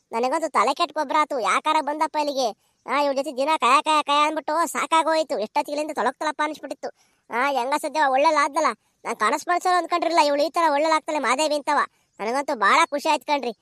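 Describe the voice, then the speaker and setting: A woman putting on a kindly old village granny in a cartoon, soothing and forgiving. Her high, bright voice chatters quickly. The recording is dry. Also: no room sound. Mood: relieved.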